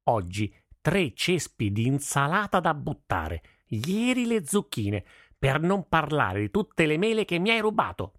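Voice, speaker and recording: A man's voice: on the high side, big pitch swings, a little slow, a bit bright, dry recording, studio quality, voice pushed up. A man voicing a toothless, furious old farmer who scolds and grumbles in a storybook reading. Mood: scolding.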